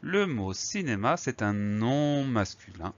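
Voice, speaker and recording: A man's voice: medium pitch, big pitch swings, takes it slowly, lo-fi sound. Patient man spelling out words. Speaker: teacher. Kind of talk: spelling lesson.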